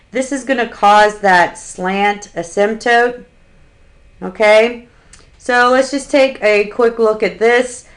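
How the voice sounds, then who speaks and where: A woman math instructor giving a recorded calculus lecture, explaining step by step with an occasional dry sarcastic aside. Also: mid-range voice.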